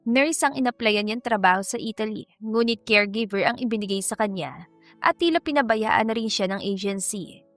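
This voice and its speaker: A woman narrating a romance story in a steady storytelling manner. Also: mid-range voice, no echo.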